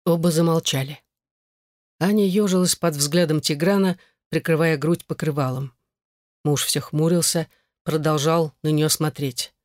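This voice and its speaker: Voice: mid-range voice, fairly even intonation, normal speed, darkish tone, no echo, studio quality. A narrator reading a novel aloud as scripted narration. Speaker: audiobook narrator.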